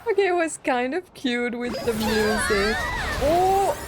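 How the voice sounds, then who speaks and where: With game music behind her, a woman streamer speaks in a slightly high, animated voice, a bit slowly, reacting aloud to her game with giggles, exclamations, and self-deprecating remarks.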